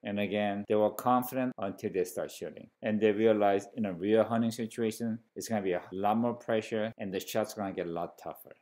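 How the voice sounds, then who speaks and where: A man's voice: fairly low pitch, a little fast, hardly any pauses, darkish tone. A man working as a hunting instructor, narrating an explanatory recap of his class.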